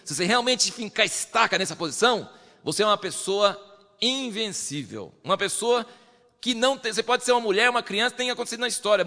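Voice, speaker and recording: Pregador animado, voz aguda, igreja com eco. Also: male voice, a little high, long reverb tail. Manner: animated, acts out believers in quoted voices. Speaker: preacher. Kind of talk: sermon.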